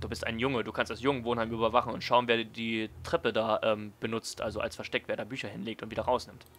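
A man reading a visual novel aloud as a let's player, in an expressive storytelling style. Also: fairly low pitch, a little hiss or hum.

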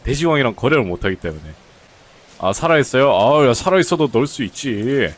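A man's voice: mid-range voice, animated, brisk, slight background noise. A man casually commenting on his own gameplay, chatting to viewers and teasing the characters on screen. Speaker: game streamer. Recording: faint game music behind.

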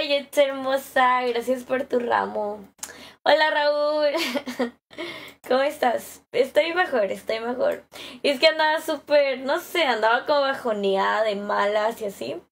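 A young Mexican woman with a high, light voice hosts a relaxed live stream. She chats casually and greets each viewer by name, often breaking into easy laughter. She speaks close to her phone camera, indoors at home. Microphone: phone camera held close.

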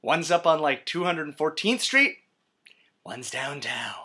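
A man's voice: on the high side, expressive, moderate pace, bright, forceful tone. Swearing man ranting about a movie. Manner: swearing, scornful, drifting between mutters and outbursts. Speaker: vlogger. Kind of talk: profane movie-review rant.

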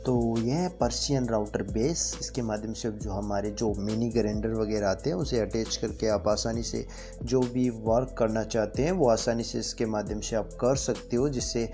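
Over background music, a man with a fairly low voice and fairly even intonation reviews woodworking tools at a normal speed. A product reviewer, he rambles through his voice-over with repetitive, filler-heavy explanations, repeating himself often.

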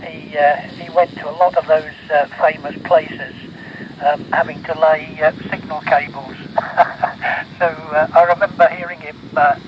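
Older male radio amateur, hesitant and full of ums, heard over a muffled, faintly hissing radio link. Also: fairly high pitch. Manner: hesitant, many ums and uhs, chuckling. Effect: heard over a fading radio link. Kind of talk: ham radio contact chat.

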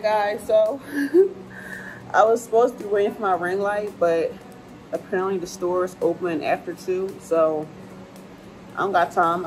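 A woman's voice: mid-range voice, darkish tone, rough recording. A young woman vlogger talking casually to camera indoors in an informal, slangy, emphatic way. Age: young adult. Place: indoor room at home or lodging, fan running.

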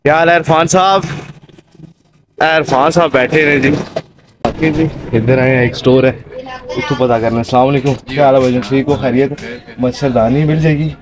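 A young man with a Pothwari Punjabi accent greets shopkeepers while casually vlogging through a crowded outdoor bazaar. His mid-range voice holds a steady tone at a normal pace, broken by frequent pauses. He films on a handheld camera at arm's length, and street noise and crowd chatter fill the background.

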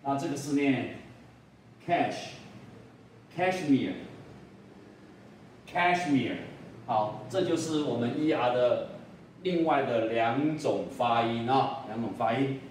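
Slow, deliberate man teaching in an echoey room. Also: medium pitch, a little mellow. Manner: slow and deliberate, repeats each word several times. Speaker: English teacher. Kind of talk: spoken pronunciation lesson. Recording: echoey room, voice a little far from the mic, faint noise.

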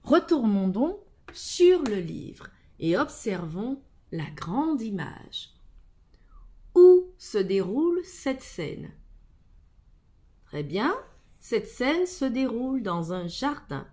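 Woman teacher, reading lesson for small children, very slow, bouncy up-and-down voice, patient, repeats each word. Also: fairly high pitch, very animated, dark tone. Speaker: primary school teacher.

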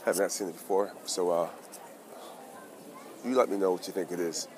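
Sex: man. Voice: very deep. Style: slangy street vlog host. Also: normal speed. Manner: excited, slangy, talks straight to viewers. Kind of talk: casual street vlog commentary. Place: outdoors on busy town streets. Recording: busy street crowd and noise.

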